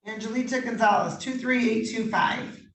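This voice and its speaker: A woman judge conducting formal court proceedings in measured, procedural questions, heard on a courtroom recording. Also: a little high. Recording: roomy courtroom audio from a distant mic.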